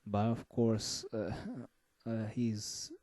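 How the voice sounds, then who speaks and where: A man giving a casual album review, halting and full of fillers and restarts. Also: lowish voice, flat delivery, darkish tone, no room sound. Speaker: music reviewer.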